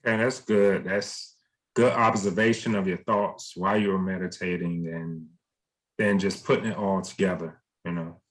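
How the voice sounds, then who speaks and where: A man with a fairly low voice leads a meditation group over a video call. He sounds easygoing and gently encouraging and invites each person to share. The sound is plain and casual, like a home video call. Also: fairly even intonation, normal speed, rough recording.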